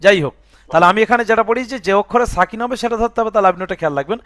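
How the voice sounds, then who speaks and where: Speaking very fast in a high, slightly bright voice, a man takes a student through Quran reading by spelling words out letter by letter, vowel marks included. He repeatedly asks "বুঝে আসছে?" to check understanding. The studio sound is clean with no echo.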